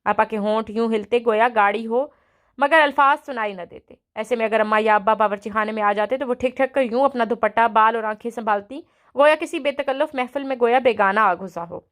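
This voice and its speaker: A woman narrates a novel aloud in a steady storytelling manner. Her voice sits somewhat high.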